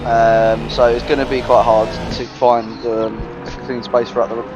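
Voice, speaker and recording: A man co-commentating a sim race, hesitant and relaxed, often laughing along. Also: medium pitch, normal speed, dull audio, over music.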